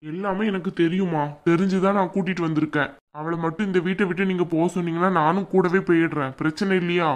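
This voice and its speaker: A woman's voice: lowish voice, fairly even intonation, fast, lightly acted. A woman voicing an older male father-in-law in a cartoon, firm and fatherly. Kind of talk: cartoon voice acting.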